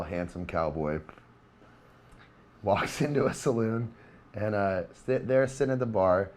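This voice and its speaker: A male musician telling a joke casually on a live stream, chuckling as he goes. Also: fairly low pitch. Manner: loose, chuckling storyteller.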